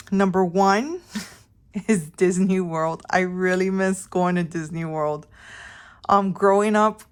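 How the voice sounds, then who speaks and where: Fairly low in pitch and marked by vocal fry, this vlog host is a middle-aged woman from Miami, Florida, in the United States. She tells personal stories to her viewers in a casual, chatty, rambling way, frequently cutting herself off.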